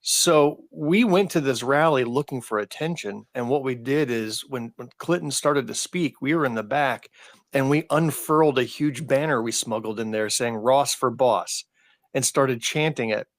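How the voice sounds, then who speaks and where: A man's voice: medium pitch, normal speed, dry recording, studio quality. A man in his fifties, co-hosting a podcast in casual chat and telling rambling, anecdotal stories. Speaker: podcast co-host.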